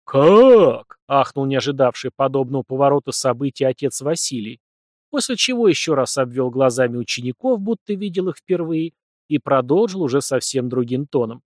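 A man narrating an audiobook in an expressive storytelling reading. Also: mid-range voice, a little fast, no echo, clean studio sound. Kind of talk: scripted narration.

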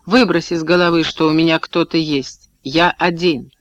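Brief: man voicing a pleading officer-husband, hurried, dry close read. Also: fairly high pitch, steady tone, fairly bright tone, dry recording, lo-fi sound, lightly acted.

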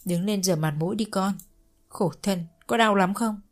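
A woman voicing an older father-in-law who berates his wife loudly in a read-aloud story. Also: medium pitch, expressive, normal speed, lightly acted. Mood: gentle. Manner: shouting reproach. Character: older father-in-law, angry scolding husband.

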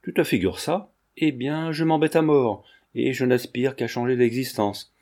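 A man's voice: medium pitch, normal speed, a little mellow, natural voice. A man reading a novel aloud, voicing a carefree, whimsical young Parisian man who speaks earnestly.

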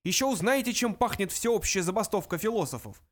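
A man's voice: sits high, expressive, quick pace, pitched above the performer's own voice. Majikthise, a man doing a pompous, irritable older philosopher.

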